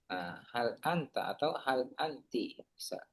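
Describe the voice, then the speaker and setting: Teacher voice, patient relaxed explainer, steady mid pitch, casual tutoring tone. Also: measured pace. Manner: explains patiently, mixing Arabic drill words into relaxed talk. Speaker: Arabic teacher.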